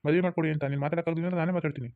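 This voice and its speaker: A man voices a pushy, impatient young male college lover who keeps insisting on an answer. His voice sits on the high side, natural, with fairly even intonation and a very fast pace, and his mood is demanding. The recording sounds tinny, like a phone.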